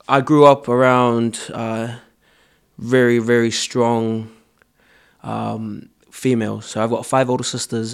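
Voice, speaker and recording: Hesitant young New man. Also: medium pitch. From born in Samoa, raised in New Zealand. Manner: hesitant, many ums and restarts, earnest. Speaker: dancer and choreographer guest. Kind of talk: casual interview answers.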